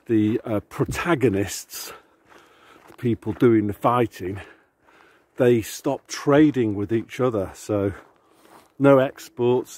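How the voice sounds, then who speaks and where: Heading out to the shops, this male vlogger rambles sardonically to his camera in a casual outdoor chat. He has a warm, medium-pitched voice, and there's no room sound.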